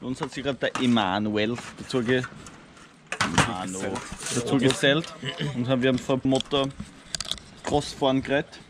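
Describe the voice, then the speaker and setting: A man's voice: mid-range voice, fairly even intonation, moderate pace, pauses often. A young man with an Austrian accent, vlogging casually and a bit tipsy, switching into simple English. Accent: Austrian German. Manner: loose, laughing, mixing in simple English. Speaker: travel vlogger. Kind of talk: casual vlog chat. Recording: noisy outdoor night recording.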